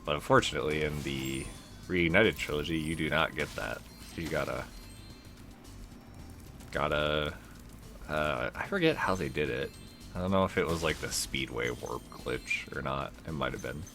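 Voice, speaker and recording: A man's voice: a bass voice, normal speed, pauses often, fairly bright tone, faint music behind. A young man giving casual, rambling, laid-back gameplay commentary as a let's play host.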